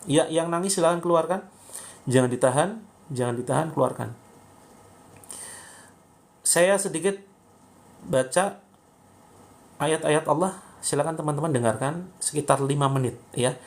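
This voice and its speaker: A man coaching viewers through a live-streamed faith healing session, guiding them step by step and praying, with sudden loud commands. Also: on the high side, moderate pace, gravelly, long pauses.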